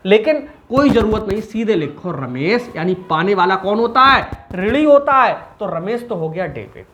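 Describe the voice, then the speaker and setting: Chatty male commerce teacher quizzing himself. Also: sits high. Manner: chatty, asks and answers his own questions. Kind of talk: whiteboard accounting lesson.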